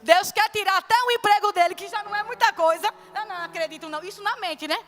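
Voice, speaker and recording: A woman's voice: very high-pitched, fast talker, fairly bright tone, soft background music. A woman preacher giving a fervent, exclamatory testimony sermon to her church congregation. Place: church service.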